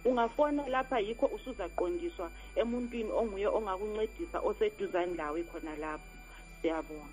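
A woman's voice: mid-range voice, a little fast, a little mellow, faint music behind, rough recording. A woman with a Zimbabwean accent answering listeners' questions as a radio guest, explaining details step by step. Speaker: radio guest, organisation representative.

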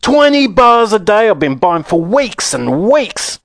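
A man's voice: sits high, very animated, unhurried, a bit bright, dry recording, clean studio sound, pitched above the performer's own voice, heavily acted. A man as a jealous, complaining big boy. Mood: angry, envious. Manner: envious, complaining. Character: jealous, angry children shouting in a crowd. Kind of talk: children's audiobook character voice.

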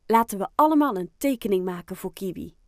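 A woman voicing a kind, cheerful female after-school carer in a children's audiobook, speaking gently and in a friendly way. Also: mid-range voice, expressive, fairly quick, no room sound, clean studio sound, lightly acted. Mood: gentle.

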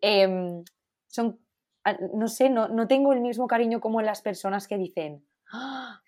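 Voz femenina de tono medio, acento peninsular, charla casual de pódcast, franca, enfática y quejosa. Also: female voice, medium pitch, normal speed, a little mellow. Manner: emphatic, candid, complains at length. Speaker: podcast co-host. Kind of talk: casual chat.

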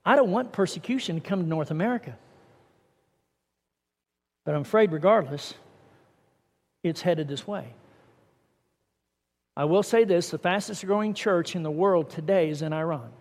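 A man's voice: on the high side, animated, moderate pace, long pauses. A middle-aged man preaching a sermon as pastor, earnest and conversational with rising emphasis. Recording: long hall reverb.

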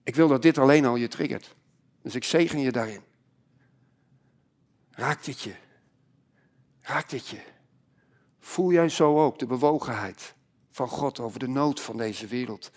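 A man preaching a sermon as pastor, moving between loud exhortation and hushed, quiet passages. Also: mid-range voice, a little slow, long pauses.

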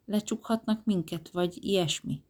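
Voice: mid-range voice, pitched above the performer's own voice, lightly acted. A reader voicing a timid, worried young woman who asks hesitant, anxious questions in an audiobook.

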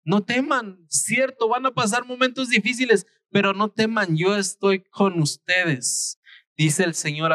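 Man preaching hard, kinda high voice, dry sound no room echo. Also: fairly bright tone. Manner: fervent preaching with emphatic rises. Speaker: pastor. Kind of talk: sermon.

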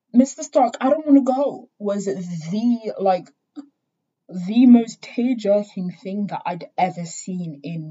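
A young woman talks unhurriedly, in a husky, breathy voice with a soft, mellow tone, sitting a little low in pitch. She rambles from thought to thought, leaning on fillers and casual swearing. The recording sounds dull and lo-fi. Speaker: vlogger. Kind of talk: casual rambling fan talk.

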